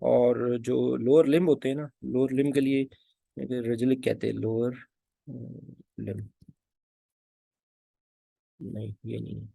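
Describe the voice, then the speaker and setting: A man's voice: mid-range voice, steady tone, slow pace, creaky, long pauses, mellow, breathy edge, no echo, studio quality. A man giving an informal spoken lesson. He hesitates often, uses many fillers, and repeats key words. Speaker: anesthesia teacher.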